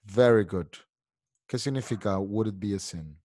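A man's voice: fairly low pitch, unhurried, mellow, dry recording, clean studio sound. A man teaching an online English class, explaining patiently and mixing Spanish with English.

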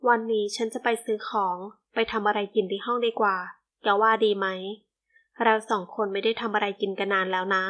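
A woman reading the part of a worried, gentle young woman who pleads with her friend, in an audiobook. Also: mid-range voice, steady tone, a little fast, dull audio, close to an everyday voice. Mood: pleading. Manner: pleading, soft.

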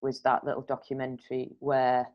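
Low-voiced chatty woman host. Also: monotone, normal speed. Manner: chatty, storytelling, laughs often. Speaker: podcast host. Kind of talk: casual interview chat. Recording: slightly dull lo-fi sound.

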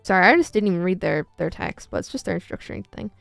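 A young woman streaming a farming game, excitable and gushing, chatting to her viewers. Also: on the low side, rapid-fire, gravelly, dry recording, faint music behind. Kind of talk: casual gaming commentary.

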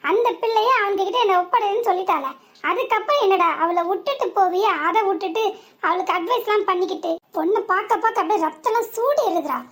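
A woman voicing a rough, mocking male thug in a cartoon. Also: extremely high pitch, fast talker, a bit bright. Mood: taunting. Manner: taunting and rough.

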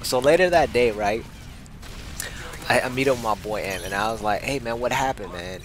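A man's voice: medium pitch, normal speed. A young man telling a casual story in laid-back slang, laughing often. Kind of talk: casual anecdote over gameplay. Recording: gameplay audio with gunfire behind.

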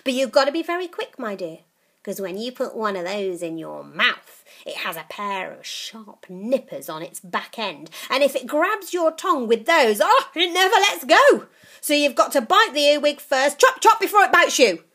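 A woman voicing a creepy, witchlike old grandmother in a storybook reading, with slow, relishing, menacing delivery. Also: high voice, expressive, pushed and bright, voice pushed up, heavily acted. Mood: sly, menacing.

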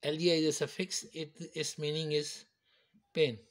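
Man slowly explaining medical terms. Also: a little high, little pitch movement. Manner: slow, repetitive, explains step by step. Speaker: teacher. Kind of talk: medical terminology lecture.

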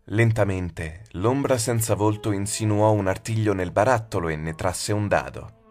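Guy reading a spooky audiobook, lowish voice, slow suspense, faint music behind. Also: darkish tone. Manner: measured, suspenseful storytelling. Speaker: audiobook narrator. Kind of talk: scripted dramatic narration.

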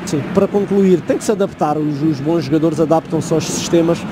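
A man with a European Portuguese accent giving analytical football co-commentary, explaining in halting phrases. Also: fairly high pitch. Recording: clear outdoor stadium noise behind.

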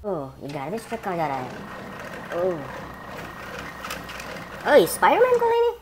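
Excitable woman narrating toy play. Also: medium pitch, measured pace, background noise. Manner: excitable, exclamatory. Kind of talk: excited playful narration for children.

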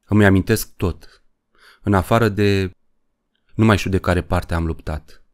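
A frail old soldier speaks in a trembling, tired voice, as a man reads him aloud in an audiobook. He sounds weary and wistful, his tone low and deep. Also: lightly acted.

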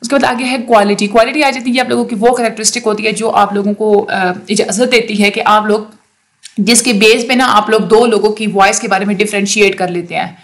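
A woman giving a fast exam-prep lecture, often stopping on fillers and restarting phrases. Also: medium pitch, fairly even intonation. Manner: fast talker with many fillers.

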